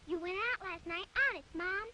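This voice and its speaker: A shrill stubborn little girl. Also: moderate pace, pushed and bright, a little hiss or hum, heavily acted. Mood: insistent. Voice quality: shrill, insistent.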